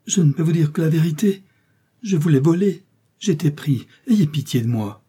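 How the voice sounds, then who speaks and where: A captured detective pleads and whines in a warm, husky voice, as a male reader acts him out. Beneath the pretended fear he stays cunning, a hero of a pulp storybook. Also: medium pitch, moderate pace, lightly acted. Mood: pleading. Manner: pleading, whining.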